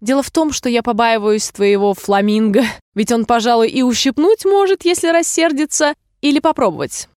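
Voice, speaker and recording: A moralizing old duchess from a storybook, her high voice sugary and preachy, voiced by a woman narrator. The sound is close and dry, with no room around it. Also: animated, moderate pace, a little mellow, no echo, lightly acted. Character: preachy fawning elderly noblewoman duchess.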